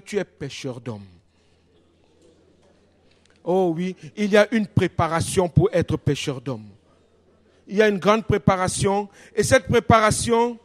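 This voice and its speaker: An animated male pastor preaches with a bright, high voice in a church, moving from hushed storytelling to loud declarations. He presses on with lively, dramatic emphasis. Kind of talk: sermon.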